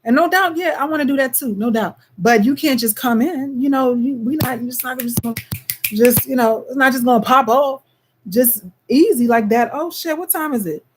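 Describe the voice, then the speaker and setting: A woman with a slightly high voice and talks in a loose, chatty monologue. She keeps checking in with her listeners and now and then slips into a put-on Caribbean lilt. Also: normal speed, a little hiss or hum. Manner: loose and conversational, frequent "you know what I'm saying". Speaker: vlogger. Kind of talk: casual monologue.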